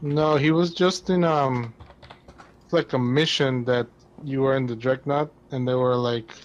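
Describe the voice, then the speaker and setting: A man's voice: mid-range voice, steady tone, measured pace, muffled recording. A man co-hosting a casual gaming podcast, explaining game lore in a rambling way with lots of fillers. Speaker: podcast co-host.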